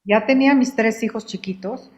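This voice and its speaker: Speaking on the high side with a slightly mellow tone, an older woman from Guatemala recounts her life as an interview guest. She takes her time and talks conversationally, frequently repeating words while gathering her thoughts.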